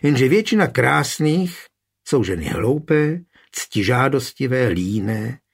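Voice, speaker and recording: A man reading the part of a calm, wry, confident suitor in an audiobook, with a husky voice. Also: mid-range voice, full character voice.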